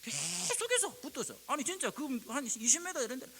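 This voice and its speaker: Animated preacher in a reverberant church. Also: male voice, normal speed. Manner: animated, acts out prayers and quotes with sudden rises in pitch and volume. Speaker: pastor. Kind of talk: sermon. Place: church sanctuary. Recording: long reverb with faint hiss.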